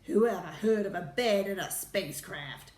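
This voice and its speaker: Woman doing a gruff, rasping, pompous male President. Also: a little slow, fairly bright tone, roomy sound. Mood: irritated. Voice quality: deep, rasping. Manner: snappy, barking.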